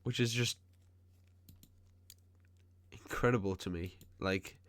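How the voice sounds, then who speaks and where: Low-pitched and a bit bright, the gaming host's voice comes through a dry recording, blocked and nasal from a cold. He comments casually on his game in a chatty, nitpicking way, dropping quick asides.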